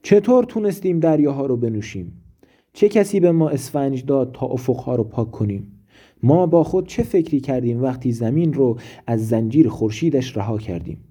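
A man voicing a raving, ailing philosopher who declaims loudly and grandly. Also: mid-range voice, lively intonation, slightly rough. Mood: declaiming.

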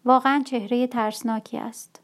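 Brief: female storyteller, somber audiobook narration, measured, a bit high. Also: steady tone.

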